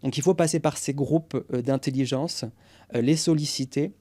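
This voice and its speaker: A man's voice: mid-range voice, moderate pace, dark tone. A man in his forties, a guest on a podcast interview, explaining go-to-market strategy with energy and English business jargon.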